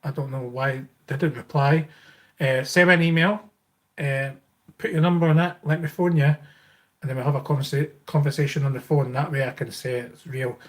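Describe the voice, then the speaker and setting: A man with a Scottish accent hosts a livestream, casually reading and answering viewer comments in a rambling, informal Q&A. His mid-range voice keeps fairly even intonation at a normal speed.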